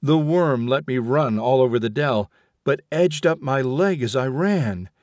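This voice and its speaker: A haunted young rebel recounts his ordeal in earnest, dramatic first person, voiced by a man reading an audiobook. The voice sits in a middle male pitch. The recording is dry and close. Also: expressive, measured pace, a little mellow, no echo, close to an everyday voice.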